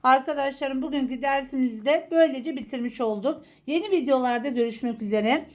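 A woman teaching a Quran reading lesson, slowly and patiently sounding out letters one by one. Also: sits high. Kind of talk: slow recitation lesson.

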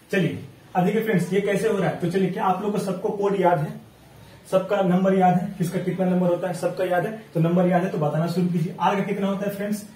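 A man teaching a reasoning class in a casual, coaxing way. He keeps asking the viewers questions, counts sums aloud in quick running tallies, and is still getting over an illness. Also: high-pitched, mellow, reverberant, far from the mic, poor audio. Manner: chatty and coaxing, asks questions and answers them himself. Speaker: online exam tutor.

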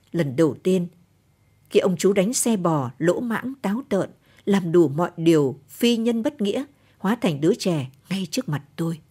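A woman with a Northern Vietnamese accent reading a short story aloud in a calm, even late-night storytelling manner. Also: lowish voice, breathy edge. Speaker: story reader. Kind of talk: scripted narration of a short story.

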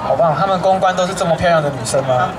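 A man's voice: fairly high pitch, racing, background noise. A young man with a Taiwanese accent, hosting a live event in a joking, chatty way. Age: young adult. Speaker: stage emcee. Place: outdoor evening festival stage. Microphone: handheld stage microphone. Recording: outdoor PA with music and crowd. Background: music and crowd.

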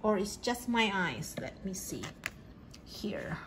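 A woman casually unboxing sunglasses at home, chatty and excited with lots of fillers. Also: medium pitch, slow, noisy background. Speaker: vlogger. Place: home kitchen.

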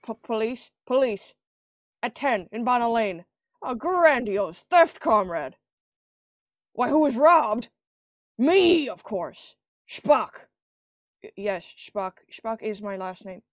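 A panicky, stammering neighbour, played by a woman in a radio play, slowly fretting in a fairly high voice. The audio is dull and lo-fi, with faint music behind it. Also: lively intonation, no echo. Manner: stammering, breathless exclaiming. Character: panicky, flustered robbed neighbour.

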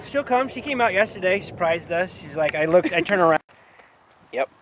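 Brief: nasal, teasing man, animated delivery, outdoor camera audio. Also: sits high, moderate pace, background noise. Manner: joking, teasing. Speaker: vlog host filming disc golf. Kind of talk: casual banter. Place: outdoor disc golf course.

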